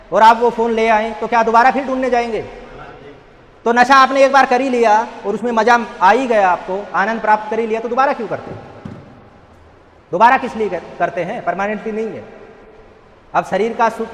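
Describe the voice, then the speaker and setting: A man's voice: high voice, fairly bright tone, a little hiss or hum. A man giving an earnest motivational talk at a rehab center, telling a parable and asking rhetorical questions. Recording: echoey hall.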